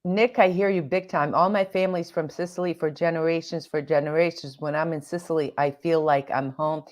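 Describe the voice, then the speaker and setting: A woman's voice: sits low, steady tone, brisk, darkish tone. A woman from Hungary co-hosting a live Q&A, chatting casually and repeating phrases for emphasis. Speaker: co-host of a live Q&A. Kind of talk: casual live-stream chat.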